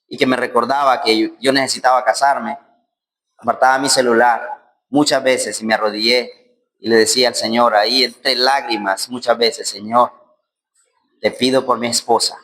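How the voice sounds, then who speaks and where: A man preaching a sermon as pastor. He swings between loud, emphatic lines and low, soft passages, and acts out quoted voices and prayers. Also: steady tone, brisk.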